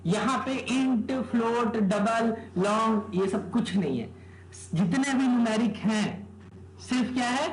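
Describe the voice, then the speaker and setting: High-voiced male teacher quizzing his class. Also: takes it slowly, a crowd in the background. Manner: quizzes students with rhetorical questions, keeps checking "okay?". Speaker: programming teacher. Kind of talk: live classroom lecture. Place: classroom with students. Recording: echoey room with background noise.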